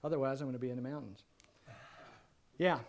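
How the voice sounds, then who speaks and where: A man presenting a seminar, answering audience questions in a relaxed, joking, rambling way, his voice going hoarse. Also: medium pitch, fast. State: losing his voice. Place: seminar room.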